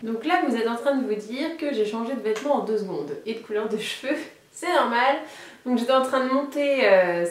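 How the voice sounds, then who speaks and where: Woman, language teacher, patient, slow repeats, roomy sound, faint background hum. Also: fairly high pitch, expressive. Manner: patient, spells out each word slowly and repeats it. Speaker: Italian teacher. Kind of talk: beginner language lesson. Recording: roomy echo, voice a bit off-mic, faint ambience.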